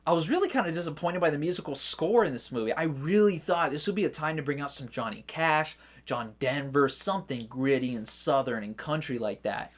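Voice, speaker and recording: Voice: medium pitch, animated, brisk, few pauses. A movie reviewer talking in a casual, rambling way, full of filler words and jokey asides.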